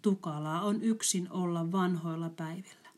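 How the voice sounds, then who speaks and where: A woman's voice: fairly low pitch, fairly even intonation, a little mellow, close to an everyday voice. A woman voicing a grieving father in a storybook reading, speaking mournfully. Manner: mournful, heavy. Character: grieving middle-aged father, sorrowful farmer.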